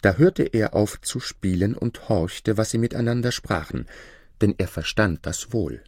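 A man with a very low voice tells an old fairy tale at an unhurried pace. His pitch moves expressively through the story, and the recording is dry and close. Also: darkish tone, breathy edge, no room sound.

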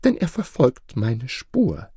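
A reader doing a sly, pleading old carpenter. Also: male voice, medium pitch, wildly swooping pitch, slow pace, mellow, breathy edge, dry recording, studio quality, voice pushed down, exaggerated voice. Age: older. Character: crafty, humble old male carpenter. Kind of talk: storybook reading with voices.

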